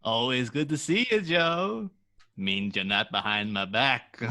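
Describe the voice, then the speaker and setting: A man's voice: mid-range voice, animated, slow, bright, forceful tone, heavily acted. A man acting a gleefully menacing villain boss in a script read, theatrical and taunting. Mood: sly menace. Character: the Joker, gleefully menacing adult male crime boss villain.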